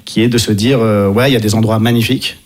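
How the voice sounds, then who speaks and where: An Italian man in his thirties, born to French parents, speaks fast and steadily in a fairly low voice. He is an actor and stage director appearing as an interview guest, talking in a casual, meandering way and often rephrasing as he goes.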